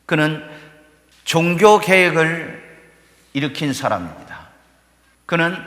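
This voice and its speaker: A man preaching a sermon as pastor of his church, building to fervent peaks and dropping low between them. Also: a bit bright. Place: church sanctuary. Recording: echoey church hall reverb.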